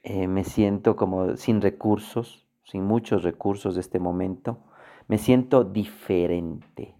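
Slow, gravelly-voiced man coaching. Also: low-pitched, steady tone, mellow. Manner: slow, deliberate, with frequent "¿sí?" check-ins. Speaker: emotional coaching instructor. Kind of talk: motivational lesson.

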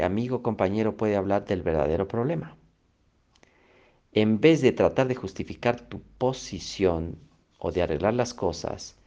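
A male coach with a lowish, mellow voice delivers a motivational teaching talk, emphatically repeating key phrases and checking in with "ok." The recording sounds slightly dull.

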